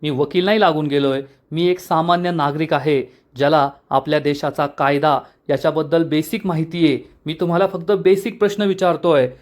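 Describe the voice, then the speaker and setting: A man voicing a calm, firm young husband who questions politely but insistently. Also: fairly high pitch, moderate pace, hardly any pauses, natural voice.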